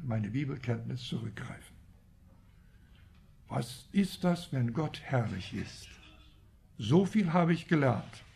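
A man's voice: on the high side, vocal fry, warm tone. A man preaching a Bible teaching sermon, reflective and asking rhetorical questions.

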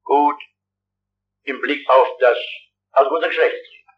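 A man's voice: medium pitch, fairly even intonation, unhurried. A man in his sixties preaching a revival sermon in a large hall, urgent and fervent, speaking straight to his listeners. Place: large hall with a big audience. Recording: dull lo-fi archival recording.

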